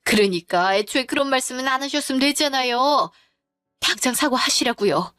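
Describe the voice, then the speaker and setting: A woman's voice: sits high, expressive, moderate pace, a bit bright, no room sound, studio quality. A woman voicing a grieving young adult daughter who speaks tearfully but firmly and stands her ground in a dramatized story. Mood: upset. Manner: tearful but firm and confrontational.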